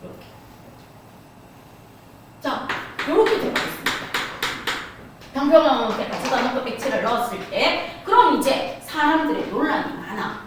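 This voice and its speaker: A woman's voice: sits high, big pitch swings, normal speed, long pauses. A woman teaching a middle school science class, repeating key points and prompting students with singsong questions. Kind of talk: classroom lecture. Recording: echoey room, distant mic, noisy.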